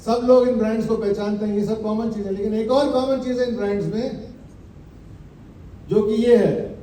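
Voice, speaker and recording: A high-voiced man with a mellow tone leads a motivational business seminar. He speaks emphatically, quizzes the crowd and slowly repeats his slogans. He sounds set back from the mic in an echoey hall. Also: steady tone, recorded from a distance, a little hiss or hum. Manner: emphatic, quizzes the audience with rhetorical questions.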